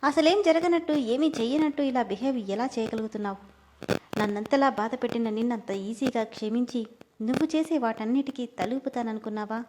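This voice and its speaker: A woman's voice: fairly high pitch, fairly quick, a little mellow, a little hiss or hum, lightly acted. A woman reading the lines of a hurt, angry young wife in a storybook, sounding tearful and accusing. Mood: bitter.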